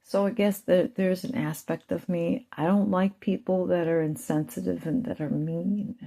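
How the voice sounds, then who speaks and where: A woman's voice: fairly low pitch, fairly even intonation, normal speed, gravelly, warm tone. A woman and mother telling a rambling, emotional personal story to her channel's viewers. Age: adult with children. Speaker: channel host.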